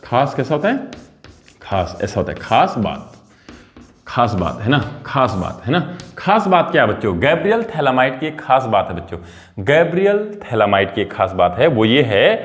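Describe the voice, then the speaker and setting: A male chemistry teacher giving a lively lecture, repeating key terms and coaxing his students to answer. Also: mid-range voice. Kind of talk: classroom lecture.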